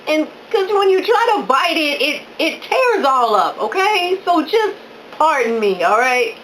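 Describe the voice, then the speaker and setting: A woman with a high voice talks slowly and unhurriedly, gushing with delight between bites as she tastes her own cooking. She chats through mouthfuls at home, with a faint hiss of background noise in the recording. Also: very animated, a bit bright, rough recording. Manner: talking with her mouth full while chewing. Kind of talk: casual talk while tasting food.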